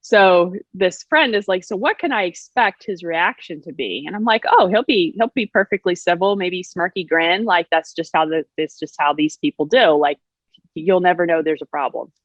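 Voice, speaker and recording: A woman's voice: lowish voice, normal speed, dry recording. Blunt woman guest, dull dry audio. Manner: blunt, storytelling, acts out others' voices. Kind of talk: candid podcast conversation.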